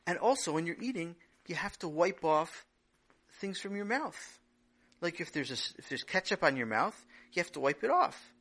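A man's voice: on the high side, big pitch swings, normal speed, a bit bright, pitched above the performer's own voice, full character voice. A man voicing a patient father who explains table manners to his son. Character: patient, lecturing father of a young boy.

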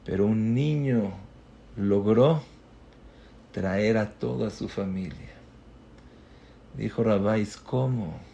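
A man telling a moving story in a sermon, swinging between loud outbursts and hushed tones. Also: lowish voice, slow, gravelly, long pauses, lo-fi sound. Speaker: religious teacher.

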